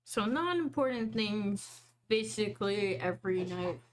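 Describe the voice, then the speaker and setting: A woman's voice: medium pitch, expressive, measured pace, a little hiss or hum. A woman casually describing her character's actions as a player in a tabletop role-playing game.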